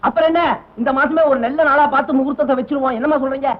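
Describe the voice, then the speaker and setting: An actor playing a fast-talking, jovial older male relative who teases and makes plans in old film dialogue. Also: very high-pitched, steady tone. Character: brisk older male relative arranging a wedding. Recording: tinny, narrow old film soundtrack.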